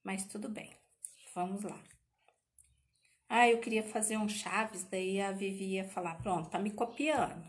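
A woman's voice: mid-range voice, steady tone, measured pace, pauses often. Chatty woman over fifty teaching crafts. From Paraná, Brazil. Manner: chatty, emotional, speaks to viewers with many tag questions. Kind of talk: live craft tutorial.

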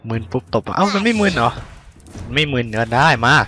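A man giving casual let's-play commentary on a video game, excitable and full of sudden exclamations. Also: medium pitch, brisk. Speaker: gaming caster.

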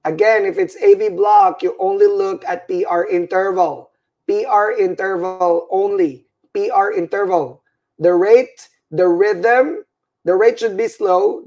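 In a livestreamed EKG lecture, a middle-aged Filipino man who teaches nursing speaks English as his second language, wearily repeating material and checking in with "right?" and "all right?" over webcam. His high, gravelly voice is animated yet measured, with a darkish tone and dull audio.

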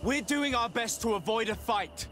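An actor playing a calm, earnest and compassionate hero in a video game. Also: male voice, extremely high pitch, normal speed, a little hiss or hum, exaggerated voice. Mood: earnest, persuasive.

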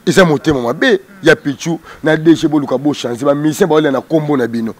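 Talking quickly and combatively, a Kinshasa-accented man from the Democratic Republic of the Congo speaks for a music group in a heated outdoor porch interview, switching between Lingala and French. His voice is a little high with a darkish tone, and he repeats words emphatically into a handheld interviewer's mic.

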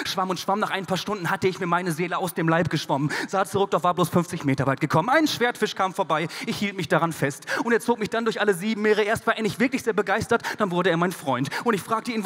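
Man, poetry slam performer, high husky voice, dramatic hushed-to-loud delivery, stage mic, long hall reverb. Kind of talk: rhymed spoken-word poetry slam. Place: stage of a large concert hall.

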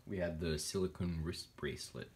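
A man's voice: sits low, normal speed, darkish tone. A man co-hosting a home video, chatting casually and joking in a mock-serious way. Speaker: co-host testing things in a crimper. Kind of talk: casual chat while filming.

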